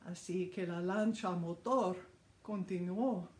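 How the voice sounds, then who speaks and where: Preacher, sermon reading, very slow delivery, mid-pitched voice, roomy echo. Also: a little mellow. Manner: slow and deliberate, with occasional stumbles and restarts. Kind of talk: slow read-aloud sermon.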